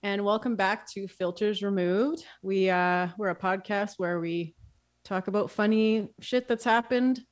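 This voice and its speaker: A woman's voice: mid-range voice, a little slow. Woman co-host, 30s, worn out from no sleep, loose casual chat with easy laughs and cursing. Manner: chatty, laughs often, swears casually. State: tired from lack of sleep. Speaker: podcast co-host.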